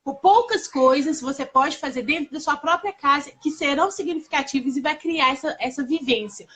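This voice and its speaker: A Brazilian woman with a high voice hosts a relaxed conversation. She tells personal stories in a lively, confiding way and keeps turning to address her listeners directly. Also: moderate pace. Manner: lively, confiding, often turns to listeners with "gente". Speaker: host.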